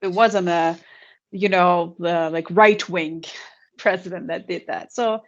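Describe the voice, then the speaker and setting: A woman's voice: fairly low pitch, fairly even intonation, takes it slowly, dull audio. A woman from Iran, speaking as a guest in a casual political chat, hesitating often and using many filler words.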